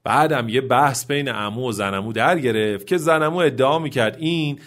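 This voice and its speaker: A man's voice: medium pitch, fairly bright tone. Man telling a humorous story. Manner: humorous, conversational. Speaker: host and storyteller. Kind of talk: narrated storytelling.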